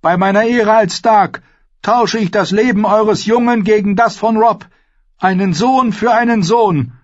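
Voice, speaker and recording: A man's voice: high-pitched, measured pace, highs cut off, pitched above the performer's own voice. A man voicing a noblewoman and mother who pleads urgently, in an audiobook. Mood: pleading. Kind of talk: audiobook character voice.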